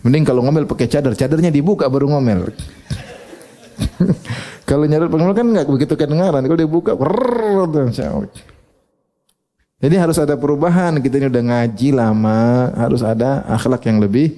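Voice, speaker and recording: A man giving a humorous, animated sermon, acting out short quotes. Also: mid-range voice, normal speed, pauses often. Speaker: Islamic preacher.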